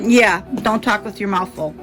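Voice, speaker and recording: Slow-talking woman cooking at home. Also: mid-range voice, soft background music, low-quality recording. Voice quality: mild speech impediment. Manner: chatty, thinks aloud, self-correcting asides. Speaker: cooking vlogger. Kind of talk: casual kitchen narration while cooking. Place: home kitchen.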